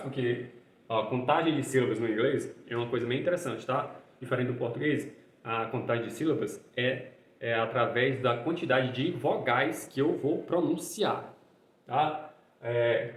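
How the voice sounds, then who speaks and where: Man teaching grammar in a roomy echo. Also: medium pitch. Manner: ends phrases with a questioning "tá?"; slows to spell out and repeat examples. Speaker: English teacher. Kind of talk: explaining grammar in Portuguese.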